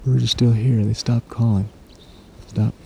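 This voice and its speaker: A man quietly dictating clipped field observations into a recorder outdoors at a forest clearing at dawn, ending each entry with "stop". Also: medium pitch, level tone, a little slow, a little hiss or hum. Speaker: field researcher logging bird activity.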